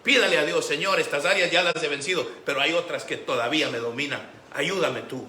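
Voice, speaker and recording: A man preaching a Sunday sermon as pastor, animated, acting out the voices he quotes. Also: fairly high pitch, fairly quick. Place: church sanctuary. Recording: echoey church room with faint background noise.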